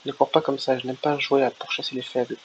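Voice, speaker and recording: A man's voice: mid-range voice, flat delivery, quick pace, close to an everyday voice. A man voicing a battle-hungry, mocking warrior captain, reading game dialogue aloud with a taunting edge, on a lo-fi recording. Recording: lo-fi with faint hiss.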